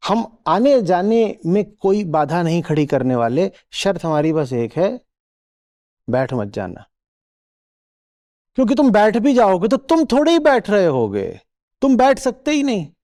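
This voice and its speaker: A man's voice: high-pitched, big pitch swings, a little slow, mellow. A man teaching a live audience in a spiritual discourse, asking rhetorical questions and checking that listeners follow. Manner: acts out little quoted voices.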